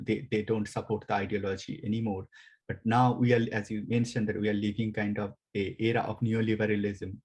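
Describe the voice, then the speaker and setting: A man's voice: lowish voice, darkish tone, breathy edge. A man asking an interview question, earnest and searching, restarting his phrasing as he goes.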